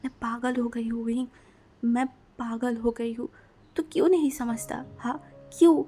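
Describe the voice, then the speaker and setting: A woman voicing a furious, possessive young man who bursts out in anguished shouting at his lover in a fan-fiction audio story. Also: fairly high pitch, fairly even intonation, a little slow. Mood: desperate.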